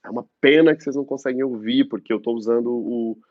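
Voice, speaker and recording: A Brazilian man, an actor, chatting casually on a live stream through his phone, halting and restarting as he talks. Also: medium pitch, fairly even intonation, no echo. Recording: dull lo-fi phone audio.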